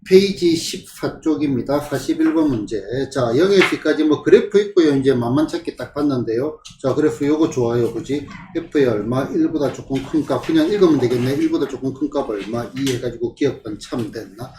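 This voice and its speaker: A man's voice: medium pitch, lively intonation, fairly quick, few pauses, warm tone. A male math tutor working through problems and checking in with rhetorical questions. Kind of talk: classroom problem walkthrough. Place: tutoring classroom. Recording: echoey room with faint ambient noise.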